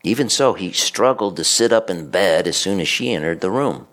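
A man, a pastor, reading scripture and a story in a measured, solemn homily. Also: low voice, expressive, a bit bright.

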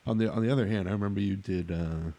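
A man's voice: low-pitched, fast talker, mellow. A man co-hosting a casual podcast, mostly giving short replies and prompting stories. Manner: brief backchannel replies, prompts questions.

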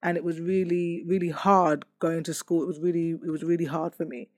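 An adult woman tells her personal testimony with candor and reflection, restarting often and using many fillers. Her loud voice is on the low side, with fairly even intonation and a fairly quick pace. The sound is clean studio audio without echo.

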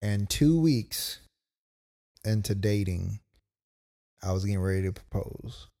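He's a young podcast co-host with a lowish, mellow voice, telling a personal story slowly but in an animated way. The delivery is relaxed and loose, sprinkled with many "like"s and quoted asides.

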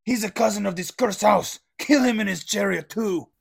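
A man's voice: high-pitched, normal speed, heavily acted. An actor playing a stern army captain newly made king, with blunt, commanding orders. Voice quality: gravelly, husky.

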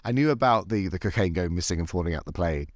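A man's voice: sits low, lively intonation, fast talker, no room sound, studio quality. A British man hosting a show with the theatrical, flamboyant manner of a campy drag queen, chatting comedically. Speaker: podcast host, cult movie show. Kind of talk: casual comedic chat.

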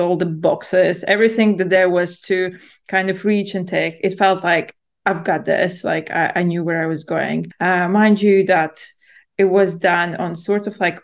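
A woman in her thirties who grew up in Latvia tells her own story as a podcast guest. Her voice sits a bit low with a noticeable gravelly edge. She talks reflectively, circling back with fillers as she remembers. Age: 30s. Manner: reflective, many fillers and restarts. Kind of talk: conversational storytelling.

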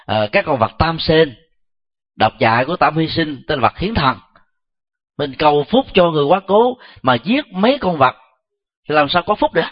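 A man, a Buddhist monk, giving a measured dharma talk and answering questions, pausing often with soft fillers. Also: on the high side. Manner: slow, measured, frequent filler "à". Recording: dull lo-fi recording.

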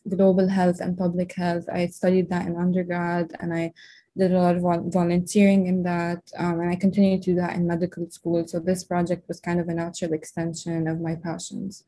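A young woman from Lebanon chats as a podcast guest, sprinkling her speech with fillers. Her voice is mellow and fairly flat in pitch, recorded dry and close. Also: a little fast, dry recording. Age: 20s. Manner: chatty, many fillers like "like" and "um". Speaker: medical student guest. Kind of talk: podcast interview.

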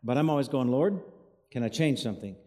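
A brisk, warm, medium-pitched voice with lively intonation belongs to an associate pastor preaching at an evening service. Through call-and-response he has the crowd repeat his lines, and the echoey church hall adds a cave-like reverb.

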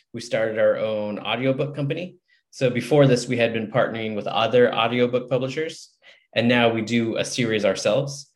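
Male interview guest, slightly low pitch, conversational, earnest and motivational. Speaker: podcast guest, author and publisher. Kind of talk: casual interview chat.

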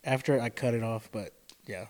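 A man in casual group chat, telling a relaxed personal story. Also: medium pitch, moderate pace.

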